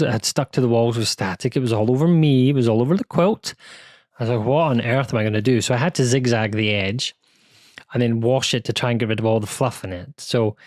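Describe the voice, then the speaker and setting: A man's voice: mid-range voice, no room sound, studio quality. Chatty British man talking quilting. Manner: chatty and self-deprecating, with many asides and restarts. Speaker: quilting channel host. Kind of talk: casual chat. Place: home sewing room.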